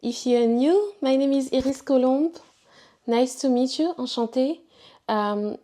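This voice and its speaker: Slow-talking woman with an Ivorian French accent. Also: a little high, warm tone. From Ivory Coast. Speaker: vlogger. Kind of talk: casual personal testimony to camera.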